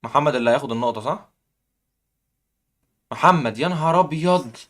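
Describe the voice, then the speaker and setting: A young man with an Egyptian accent hosting a live chess puzzle contest, excitedly cheering the players on. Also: a little high, a little fast. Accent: Egyptian Arabic. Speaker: chess stream host.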